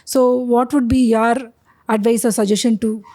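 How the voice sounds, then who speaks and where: A middle-aged woman with an Indian accent presents as an interview host. Her voice sits fairly high but has a mellow, dark-edged tone. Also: fairly even intonation, moderate pace. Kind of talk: scripted introduction and interview questions.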